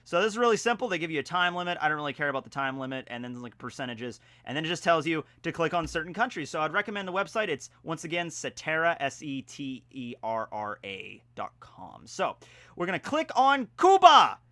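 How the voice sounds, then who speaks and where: A man talking casually in a home vlog, with playful mock-grandiose announcing, theatrical emphasis and drawn-out words. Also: a little high, lively intonation, pushed and bright, no room sound, studio quality. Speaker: vlogger. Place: indoors at home.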